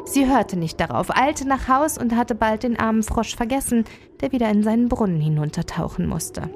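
A woman's voice: fairly high pitch, animated, normal speed, darkish tone, slight background noise. A woman co-hosting a bedtime story podcast, reading a fairy tale aloud with joking asides. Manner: joking, chatty asides while narrating.

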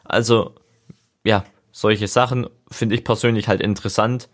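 A man's voice: lowish voice, steady tone, moderate pace. A young man talking casually and reflectively on a solo podcast, thinking aloud in an informal, rambling way. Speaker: podcast host. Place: seated, leaning back in a chair.

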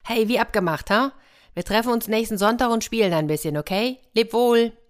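A woman's voice: on the low side, moderate pace, lightly acted. A woman voicing a cheerful, kind young boy in a children's story, speaking in a raised, eager voice.

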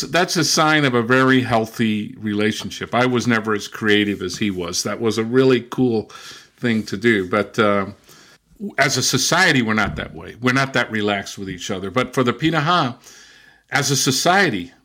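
An older man speaks as an interview guest, telling stories in a reflective, anecdotal way. He tends to slip into a loud, lecturing professor's voice. His pitch sits in a typical middle range for a man. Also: moderate pace. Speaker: guest, professor and former missionary. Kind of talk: conversational interview storytelling.

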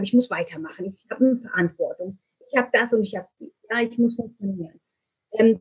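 A middle-aged woman from Turkey talks in an interview in an earnest, open way. Her voice is husky and a little breathy, sitting in a middle range. She fills pauses with hesitations as she speaks. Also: mid-range voice, rough recording. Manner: earnest, candid, many fillers. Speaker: guest, speaker and author. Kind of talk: conversational interview.

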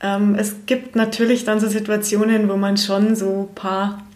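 A young Bavarian woman who works as a school teacher answers interview questions frankly and chattily, laughing easily. Her voice is mid-range and darkish, delivered flat at a moderate pace. The recording has a roomy echo.

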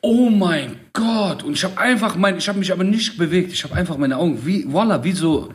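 Animated slangy man telling stories. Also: high-pitched, brisk. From Germany. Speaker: podcast co-host. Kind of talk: casual street-slang chat.

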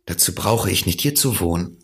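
A man voicing a small, curious boy prince who speaks in an earnest, gentle, wondering way in an audiobook reading. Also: low-pitched, expressive, normal speed.

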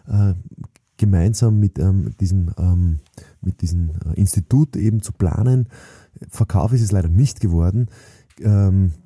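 A man's voice: fairly low pitch, mellow, breathy edge, no echo, clean studio sound. A middle-aged man, giving an emphatic, preachy motivational podcast monologue with many fillers and restarts. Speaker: sales trainer and podcast host.

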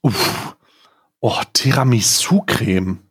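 Husky, excitable man chatting. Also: lowish voice, slow. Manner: excitable, laughs a lot, scatterbrained. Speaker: podcast host. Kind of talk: casual chat, unboxing an advent calendar.

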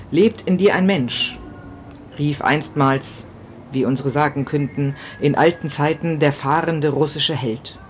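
A woman voices a tormented, grief-stricken man from a first-person literary novella, her voice sitting low with a little hiss or hum in the audio. Recorded outdoors on a city balcony, she stumbles, repeats phrases, whispers, and erupts in outbursts.

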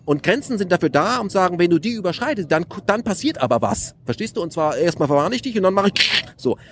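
Man, fairly high voice, animated interview talk full of rhetorical questions. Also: fast talker, a little hiss or hum. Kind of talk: casual conversation.

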